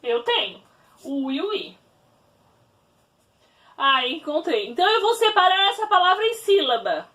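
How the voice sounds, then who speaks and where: A woman teacher giving a grammar lesson, spelling words out slowly and patiently. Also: very high-pitched, big pitch swings, pushed and bright, distant mic. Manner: slow, spelled-out explaining.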